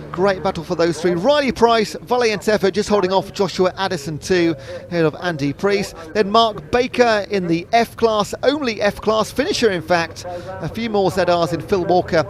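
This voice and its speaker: A man commentating at a race circuit and reading out race results, now and then correcting himself. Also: sits high. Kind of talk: motorsport commentary. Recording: crowd noise behind.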